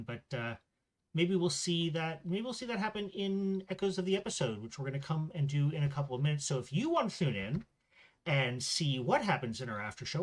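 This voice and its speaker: Tabletop game master and host, casual and unhurried. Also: mid-range voice. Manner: casual, relaxed, with filler words.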